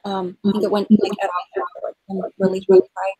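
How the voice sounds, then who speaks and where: A woman talks hesitantly over a laptop video call, trailing off and searching for words. Her breathy voice sits dry and close, and the connection keeps glitching and cutting out. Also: medium pitch, completely flat delivery, moderate pace, warm tone, no room sound, rough recording. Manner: hesitant, many fillers, loses her train of thought. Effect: glitchy audio cutting out over a call. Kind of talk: casual chat on a video call. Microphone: laptop microphone.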